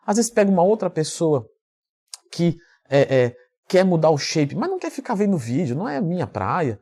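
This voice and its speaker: A man from Brazil, a fitness coach and YouTuber, telling a story in a vlog with lively acted-out dialogue. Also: on the high side, moderate pace. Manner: animated storyteller who acts out quoted dialogue.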